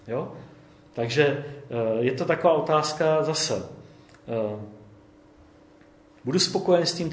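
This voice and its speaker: A man preaching a conversational sermon, often checking in with his listeners with a quick "jo?". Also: medium pitch, reverberant.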